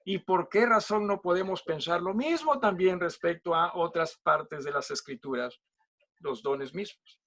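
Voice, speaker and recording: Unhurried and slightly fried in voice, this Peruvian man teaches Bible study with a fairly high pitch, a fairly bright tone, and a Peruvian Spanish accent. The pastor keeps things loose and chatty, jokes, and asks "¿no?" and "¿sí?" after almost every phrase.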